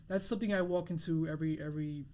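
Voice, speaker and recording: A young man with a somewhat higher voice speaks as a guest on a podcast. He talks earnestly, restarting phrases and reaching for words as he explains himself. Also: steady tone, darkish tone, a little hiss or hum. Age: 20s. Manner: earnest, halting, many restarts and fillers. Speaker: realtor guest. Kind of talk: casual interview chat.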